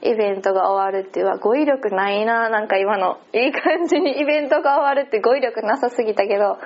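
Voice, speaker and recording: A woman's voice: fairly high pitch, fast. A woman with a Kansai accent chatting casually and laughing often as she recaps an event. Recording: slightly muffled lo-fi audio.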